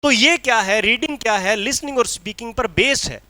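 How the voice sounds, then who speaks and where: A male teacher, giving an exam-prep lecture, asking rhetorical questions and reading English lines out slowly. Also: very high voice, sharp tone, dry recording.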